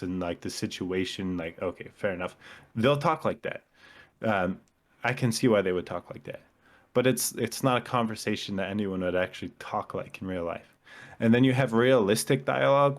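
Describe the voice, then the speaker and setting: A man co-hosting a casual podcast chat, explaining his views on films at length in an analytical way. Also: fairly low pitch. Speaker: podcast co-host.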